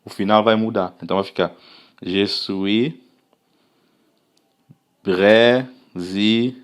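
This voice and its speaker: A man's voice: lowish voice, fairly even intonation. A man from Africa giving a casual language lesson, patiently repeating and drawing out example phrases and often checking that listeners are following. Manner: patient, repetitive, checks understanding with "tá vendo?"; slowly drawn-out example phrases. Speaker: language teacher.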